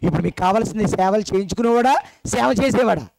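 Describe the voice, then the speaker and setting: A man's voice: sits high, quick pace, vocal fry, darkish tone, no room sound. A man preaching a sermon at a gospel meeting, putting questions straight to the congregation and teasing them. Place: church meeting hall.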